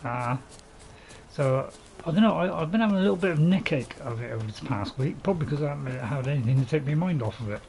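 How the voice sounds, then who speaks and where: A man's voice: a little high, expressive, quick pace, creaky, darkish tone, a little hiss or hum, low-quality recording. A man giving rambling, casual commentary as he plays a video game. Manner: rambling, chuckling asides. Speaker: gamer recording a playthrough.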